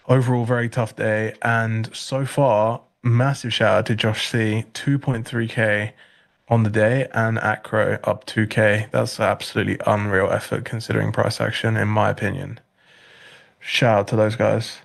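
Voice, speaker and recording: A British man with a low, gravelly voice hosts a live trading stream. He sounds a little congested and chats casually, with dry and sarcastic humor. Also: flat delivery, measured pace. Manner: dry, sarcastic humor while reading chat.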